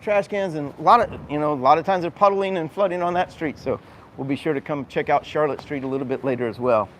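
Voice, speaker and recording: On noisy town streets full of urban ambience, a man hosts a live walking tour, pointing things out in a conversational, explanatory way. His voice is on the high side and fairly bright, and he talks fast.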